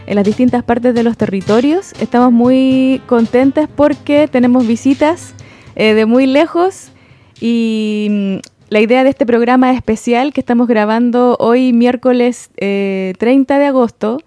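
A woman's voice: fairly high pitch, dry recording, soft background music. Chilean woman hosting community radio. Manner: steady, earnest announcing with frequent pauses. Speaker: radio host. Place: radio studio.

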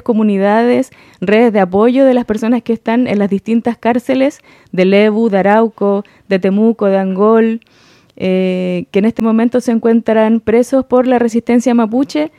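Woman radio host, earnest, hesitant, high-ish mellow voice, dry sound. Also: fairly even intonation, normal speed, dry recording. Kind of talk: community radio hosting.

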